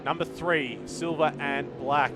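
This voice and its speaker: Man calling races over loud engine noise. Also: fairly high pitch, fairly even intonation, measured pace. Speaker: motorsport commentator. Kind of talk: live motorsport race commentary. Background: roaring race cars.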